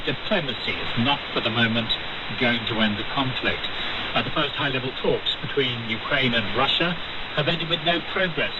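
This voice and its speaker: A man presents the news in a measured, formal voice, as if picked up on an AM shortwave radio. The sound is muffled and narrow, and a heavy hiss of static rolls underneath every word. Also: medium pitch. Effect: heard over an AM shortwave radio receiver. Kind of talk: live news broadcast presenting.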